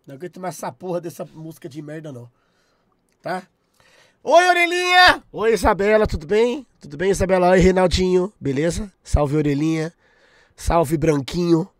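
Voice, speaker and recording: A young man with a Brazilian accent, chatting on a live stream, loud and profane, shouting thanks at his chat. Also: high voice, animated, brisk, no echo. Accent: Brazilian Portuguese.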